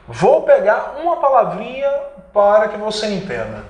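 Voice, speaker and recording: A Brazilian-accented man with a high, slightly mellow voice and huge pitch swings speaks at a moderate pace in an echoey room. His online grammar lesson for exam prep is emphatic, with stretched key words and self-answered questions.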